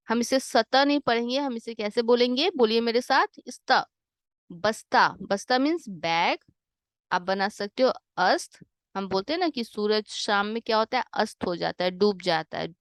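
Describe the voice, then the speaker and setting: A woman's voice: on the high side, dry recording, studio quality. A woman teaching a children's Hindi lesson over a worksheet, patiently asking questions and answering them herself, with English glosses mixed in. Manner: mixes English glosses into her explanations.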